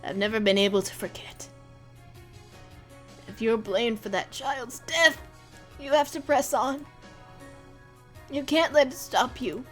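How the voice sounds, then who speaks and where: A woman reading game dialogue aloud, voicing a grave, remorseful male pigeon in a quiet, confessional way. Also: on the high side, measured pace, long pauses, faint music behind. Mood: somber.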